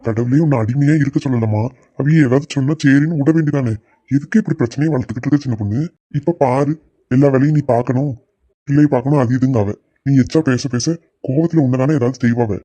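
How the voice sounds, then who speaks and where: A man's voice: medium pitch, quick pace, mellow, no echo, lightly acted. A man voicing a placating young village husband, in a cartoon. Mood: pleading. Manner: pleading, peacemaking. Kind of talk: cartoon voice acting.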